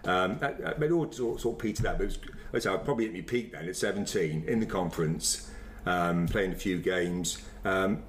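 A man, chatting casually about his past in a rambling, halting way, often repeating phrases. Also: sits low, a little hiss or hum. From Wiltshire, England. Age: 50s. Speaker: former semi-professional footballer being interviewed. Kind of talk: casual reminiscing chat.

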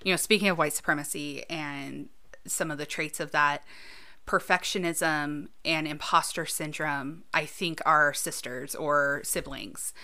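Bright-voiced woman in her thirties. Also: low-pitched, steady tone, unhurried. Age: 30s. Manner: reflective, talks things through with many "you know"s. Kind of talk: casual conversational chat.

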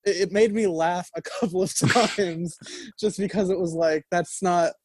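A young man with a high-pitched voice and fairly even intonation speaks at a measured pace while co-hosting a college radio show. He chats casually about a record with many fillers and restarts, and the studio-mic recording from the radio studio is dry.

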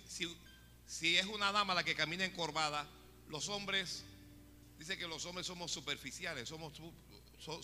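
A male preacher delivers an animated sermon and talks straight to his congregation. His voice sits high and sounds very bright. It rings out in a church hall with a long echo, and faint music plays in the background.

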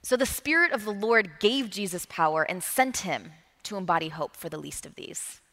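A woman's voice: medium pitch, animated, moderate pace, a bit bright. A woman preaching a sermon, earnest, repeating key phrases for emphasis. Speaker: pastor. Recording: long reverb of a large hall.

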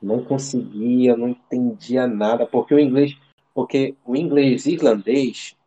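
As an interview guest, a man from Brazil who lives in Ireland tells his story loosely, with lots of slang, fillers and false starts. His medium-pitched voice is mellow and relaxed and a little slow. The recording sounds muffled.

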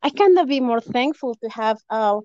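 High-voiced woman. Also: expressive, moderate pace, dry recording. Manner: earnest, warm-hearted, laughs between phrases. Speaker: podcast guest. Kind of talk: casual chat. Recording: dull, dry lo-fi recording.

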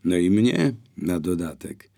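A man's voice: sits low, big pitch swings, slow, creaky, warm tone, exaggerated voice. A man reading an audiobook, voicing a blind young man with a wry, teasing way of talking.

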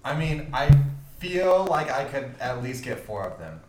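Dude guessing burgers blindfolded, jokey trash talk, echoey room. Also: male voice, medium pitch, big pitch swings, unhurried, over music. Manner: joking, mock-serious trash talk. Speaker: blindfolded contestant. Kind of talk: casual banter between bites. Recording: roomy echo.

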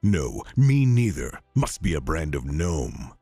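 A man voicing a gruff, greedy king who speaks slowly and commandingly, with a breathy voice. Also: a bass voice, sing-song, mellow, no echo, soft background music, voice pushed down, full character voice. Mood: menacing. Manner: slow, drawn-out and commanding.

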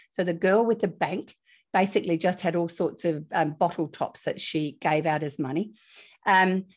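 A woman, a guest expert telling a lively classroom anecdote and acting out the children's lines. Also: fairly low pitch, slightly rough. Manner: lively, acts out quoted voices. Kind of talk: casual anecdotal storytelling.

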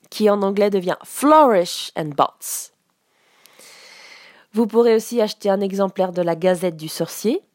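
A woman teaching in a relaxed, unhurried way, pausing often to find her words. Her voice sits at an ordinary middle pitch. The sound is dry and close, with no room echo. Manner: explains slowly with many hesitations. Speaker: English teacher. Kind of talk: casual spoken lesson.

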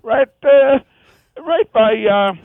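A man putting on an exaggerated high, rasping voice portrays an Indian woman amputee with transplanted hands for a phone-in comedy call. Animated and rambling, the character speaks halting, broken English laden with fillers. The tinny phone line is recorded dry.

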